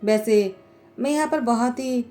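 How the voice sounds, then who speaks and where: A woman lending her voice to a proud young husband who answers sharply and deflects with questions. The voice sits a little high and mellow, read as part of a storytelling recap with faint music behind. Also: measured pace, natural voice. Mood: defensive. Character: brooding young husband, cold and defensive.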